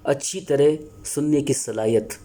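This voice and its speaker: A man lecturing as a teacher, earnest and explanatory, pausing often to find his words. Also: medium pitch, steady tone, mellow. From Pakistan. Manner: earnest, explanatory, with many filler pauses and restarts. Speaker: Urdu teacher. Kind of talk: spoken lecture on teaching Urdu.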